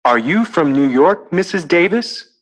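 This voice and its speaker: A friendly young student. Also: male voice, on the high side, lively intonation, measured pace. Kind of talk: scripted textbook dialogue.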